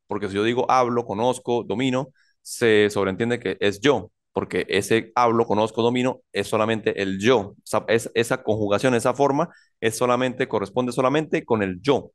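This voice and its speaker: Speaking at a medium pitch, a man lectures on French grammar slowly and deliberately. He frequently repeats points and pauses to check in with the class.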